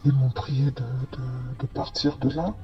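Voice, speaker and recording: A man's voice: mid-range voice, little pitch movement, measured pace, highs cut off, soft background music. A man telling a first-person story in a hesitant way, with many fillers and restarts. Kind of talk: first-person testimony narration.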